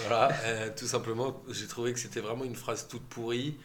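A man's voice: mid-range voice, steady tone, normal speed, a bit bright, slight background noise. A man on a casual football panel, giving blunt, plain-spoken opinions.

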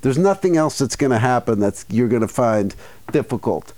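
A man's voice: mid-range voice, expressive, moderate pace, a little mellow. A man co-hosting a casual podcast chat, telling rambling stories full of acted asides. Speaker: podcast co-host.

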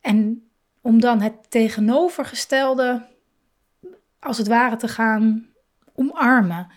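A woman talks slowly and thoughtfully about parenting and feelings, leaving room between her phrases. Her voice sits a little high, and she breaks into soft laughs as she reflects.

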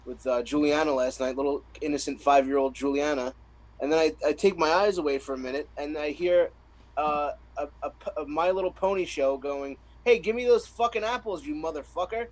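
A man's voice: fairly high pitch, steady tone, brisk, poor audio. A man co-hosting a casual comedy podcast, telling rambling family stories and laughing often. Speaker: co-host. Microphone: remote call.

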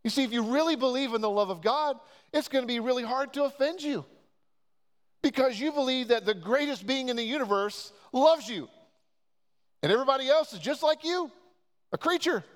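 A man's voice: very high voice, lively intonation, fairly quick. A man preaching a sermon as pastor, earnest and urging, pressing his listeners with repeated questions. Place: church sanctuary. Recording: long church reverb.

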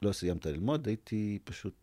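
Arabic-speaking guy from umm al-fahm, film director telling stories, voices the people in them. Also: lowish voice. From Umm al-Fahm, Israel. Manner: animated storyteller who acts out quoted speech. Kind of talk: storytelling in a podcast interview.

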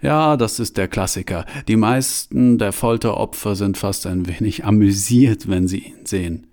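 A man with a low voice reading a male museum guide who cheerfully lectures on torture devices. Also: moderate pace, a little mellow, natural voice. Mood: relishing. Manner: cheerful, lecturing, relishing detail. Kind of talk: audiobook reading.

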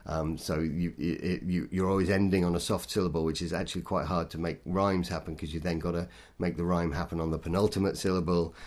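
A man, a poet, talking thoughtfully and self-deprecatingly in an interview, in a halting way. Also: deep voice, steady tone, darkish tone. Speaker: poet guest. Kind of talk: interview conversation.

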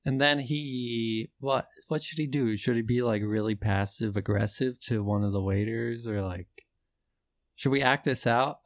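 Male podcast co-host, relaxed and hedging, dry close sound. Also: mid-range voice, measured pace, no echo. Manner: loose, hedging, laughing brainstorm talk. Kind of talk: casual improv podcast chat.

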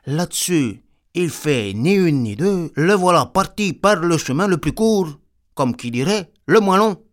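A man's voice: on the high side, expressive, unhurried. A man telling a tale in a comic folksy way, rambling off into peasant chatter. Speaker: storyteller.

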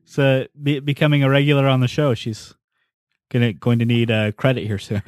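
A man hosting a podcast in relaxed, casual conversation, leading the talk. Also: mid-range voice, normal speed, faint music behind. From United States. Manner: easygoing, leads the conversation. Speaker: podcast host.

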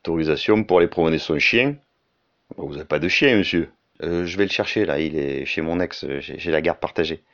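A man's voice: deep voice, brisk, fairly bright tone, muffled recording, pitched below the performer's own voice. A man voicing a chatty male gendarme at a checkpoint, speaking with a southern French accent in a folksy, singsong way.

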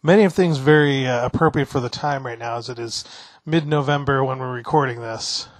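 A man's voice: mid-range voice, fairly quick, no echo. Grumbling male podcast co-host, dry sound. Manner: grumbling, dry, swears casually. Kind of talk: casual chat.

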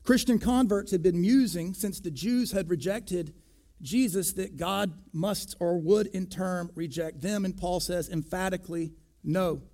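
A pastor preaching a sermon, deliberate and emphatic, pressing hard on key words. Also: male voice, sits high, a little mellow.

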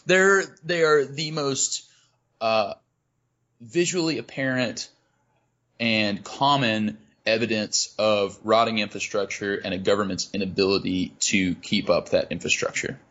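A man's voice: fairly low pitch, a little slow, a bit bright, highs cut off. A man co-hosting a podcast, ranting casually and sarcastically with loose, comic swearing. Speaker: podcast co-host. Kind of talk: casual comic rant, profane.

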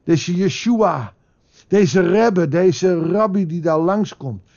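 A man preaching a devotional sermon, speaking with passion and rising to emphatic peaks, then growing quiet as he prays. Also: high voice, animated, slow, dull audio.

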